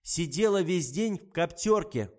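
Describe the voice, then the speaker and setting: A man voicing a flustered, bossy middle-aged woman doctor who scolds in shrill outbursts. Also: normal speed, close to an everyday voice. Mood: scolding.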